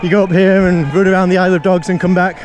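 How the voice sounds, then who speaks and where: A man's voice: high voice, flat delivery, fast talker, crowd noise. A British man talking casually to camera while running, with some effort in his voice, upbeat and jokey. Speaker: vlogger running a marathon. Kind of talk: casual vlog commentary to camera. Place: outdoors on city marathon streets among crowds. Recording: outdoor street noise, loud music, cheering crowds.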